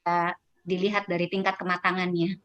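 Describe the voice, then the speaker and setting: A woman's voice: fairly low pitch, level tone, brisk, a bit bright, muffled recording. A woman who heads a vocational academy, explaining things on a webinar panel in a chatty way, with many fillers and restarts.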